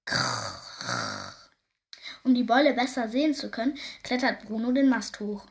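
A woman reading a children's story aloud in a lively, expressive way. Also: a little high, brisk.

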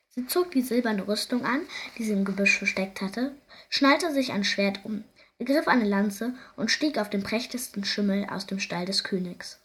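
A woman reading a children's story aloud in a lively, expressive way. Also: mid-range voice.

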